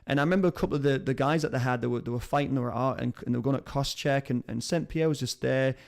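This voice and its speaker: Guy hosting a live stream, quick rambly chat, mid pitch. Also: vocal fry. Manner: rambling, chatty and enthusiastic. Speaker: show host.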